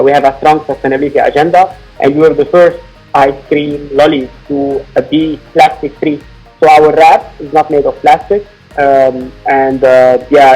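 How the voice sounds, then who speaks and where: Male founder from Lebanon, somewhat high voice, measured podcast explainer, soft music bed. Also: rough recording. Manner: explanatory, measured, frequent fillers. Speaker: founder and CEO guest. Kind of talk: podcast interview.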